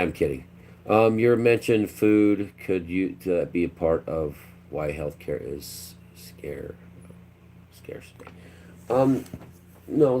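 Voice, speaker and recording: Brief: deep, mellow-toned male livestream host, rambling monologue, slight room hum behind. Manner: rambling, acts out quotes in mock voices. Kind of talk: rambling live-stream monologue.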